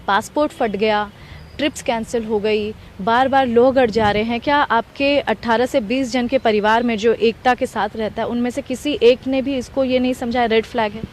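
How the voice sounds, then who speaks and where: A woman's voice: a little high, steady tone, moderate pace, slight background noise. A woman TV news reporter asking probing questions in an earnest manner, with small hesitations.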